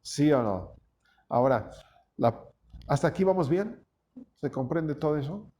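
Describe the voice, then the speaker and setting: Folksy pastor, conversational sermon. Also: male voice, on the high side, animated, measured pace, mellow. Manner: folksy, asks the congregation questions often.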